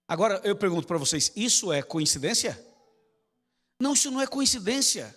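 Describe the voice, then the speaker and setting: A man's voice: high-pitched, very animated, fairly quick, fairly bright tone. A man preaching as a pastor, telling a story to his congregation, acting out dialogue and speaking directly to them. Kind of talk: storytelling sermon. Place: church sanctuary. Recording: long hall reverb with piano music behind.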